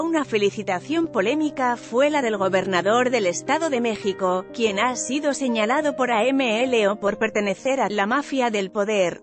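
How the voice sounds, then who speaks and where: A woman reading a scripted news voice-over with a wry, sardonic delivery. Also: fairly high pitch. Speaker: news narrator. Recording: faint music bed behind.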